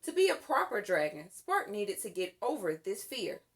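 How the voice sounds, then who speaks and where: A woman narrates a children's book aloud. Her voice sits in the middle range, and her delivery is deliberate and full of expression.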